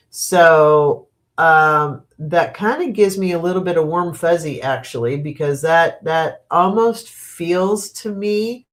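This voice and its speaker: Reading tarot live for her channel, this American woman in middle age chats casually from home, her voice sitting low and sounding sniffly with allergies. She drifts along at an unhurried pace, restarting often, using plenty of fillers, and chuckling at her own side remarks.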